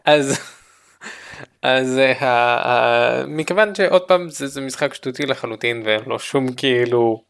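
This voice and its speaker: A man's voice: medium pitch, creaky, clear, resonant tone. A man co-hosting a casual podcast chat, telling a game story with lots of laughter. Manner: animated storytelling, laughs often. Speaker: podcast co-host.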